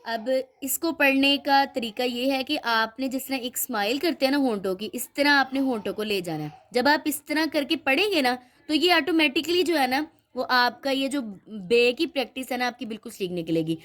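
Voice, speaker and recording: Gentle woman teaching Quran letters. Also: sits high. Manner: explains slowly, checks in with "theek hai?" often; models letter sounds, drawn out and repeated. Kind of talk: patient Qaida lesson for children.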